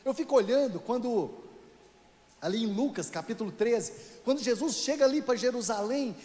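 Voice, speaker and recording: Male pastor from Brazil, higher-pitched voice, chatty sermon style with asides to the congregation, echoey church sanctuary. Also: lively intonation, normal speed, mellow. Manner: conversational, joking with the congregation; addresses listeners as "querido".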